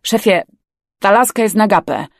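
A woman's voice: mid-range voice, moderate pace, vocal fry, no echo, studio quality. A woman voicing a crude, mocking young male crewman who swears a lot. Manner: crude, excitable, cursing.

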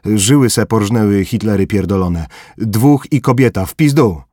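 A man voicing a rough, foul-mouthed Red Army private who shouts his report. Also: fairly low pitch, very animated, fast talker, dry recording, studio quality. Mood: coarse. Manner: shouting crudely from outside.

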